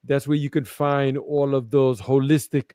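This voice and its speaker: A man with a clear Brooklyn accent talks in a casual, streetwise way, like a guest plugging his event. His voice sits at a middle pitch and is recorded dry and close, with little room sound. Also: flat delivery, a little slow, mellow, no room sound. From Brooklyn, New York. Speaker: guest, festival organizer. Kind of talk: casual promotional interview chat.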